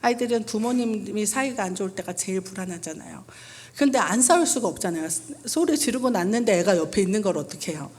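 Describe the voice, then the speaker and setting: A woman's voice: medium pitch, lively intonation, fast, a little mellow, breathy edge. A woman in her forties, a pastor's wife, speaking earnestly to a church parents' meeting and acting out lines between parent and child. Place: church hall.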